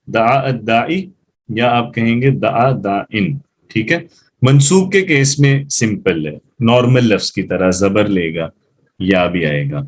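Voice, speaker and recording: A man teaching grammar one-on-one, explaining rules step by step, slowing down on example words, and often checking that the student follows. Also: lowish voice, no room sound. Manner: slows down to spell out example words. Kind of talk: patient one-on-one grammar tutoring.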